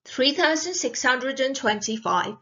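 A woman's voice: sits high, animated, a little slow, sharp tone, highs cut off, full character voice. A woman voicing a cold, scornful, miserly witch in a storybook, speaking in a curt, imperious way. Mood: dismissive, curt.

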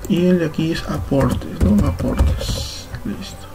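A young man with a Peruvian Spanish accent, a computer teacher patiently walking through a software tutorial step by step, correcting himself as he goes. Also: fairly high pitch, takes it slowly, music in the background. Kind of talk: screen-recorded software tutorial.

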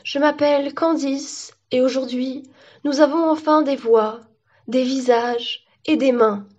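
A woman's voice: high voice, steady tone, slow, darkish tone, voice pushed up. A woman voicing a female talking tree who leads the others with a declamatory speech-making manner, on a dull lo-fi recording. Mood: rousing. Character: rousing tree leader, female.

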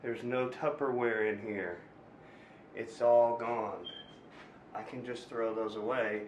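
Speaking in a lowish voice, a thirty-something American bodybuilder chats to camera in a casual vlog filmed indoors at the gym and at home, breaking off partway through sentences. A distant camera mic gives a roomy recording with noticeable background noise.

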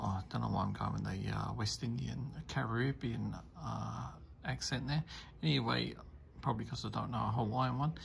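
Male beer reviewer, deep-fried gravelly voice, unhurried casual chat, light hiss behind. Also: a bit bright. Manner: rambling, enthusiastic tasting remarks.

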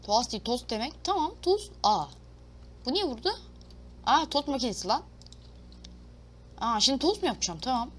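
A woman's voice: high-pitched, very animated, moderate pace, pauses often, slight background noise. A woman giving casual let's-play commentary, talking to herself and her viewers, reading game prompts aloud and swearing playfully. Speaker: gaming YouTuber.

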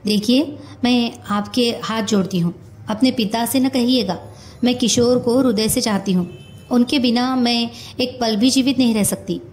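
A woman reading a storybook who voices a naive, lovesick young woman with an excitable, pleading manner. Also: a little high, moderate pace, a little hiss or hum, natural voice. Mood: emotional.

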